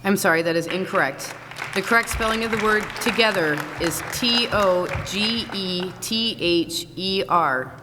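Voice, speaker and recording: A woman acting as a spelling bee pronouncer, reading each word in a formal, precise, even manner, in a large school hall. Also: mid-range voice. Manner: measured, even, precise diction. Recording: echoey hall, loud crowd noise.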